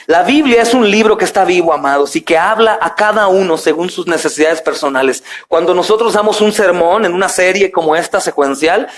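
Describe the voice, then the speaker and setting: A middle-aged pastor delivers a sermon, his phrases rising and falling with emphasis as he turns again and again to the congregation. His voice sits a little high for a man. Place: church sanctuary.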